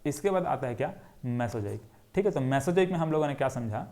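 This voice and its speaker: A man's voice: medium pitch, animated, fast, dark tone. A young man teaching geography in a classroom-style lecture, who asks questions and answers them himself while drawing on a board. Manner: repetitive question-and-answer drilling.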